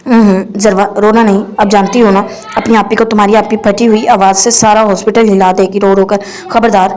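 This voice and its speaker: Woman voicing a young doctor and protective older sister, choked up but firm, flat steady reading. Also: mid-range voice, lightly acted. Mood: tearful. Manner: choked, tearful, then firm.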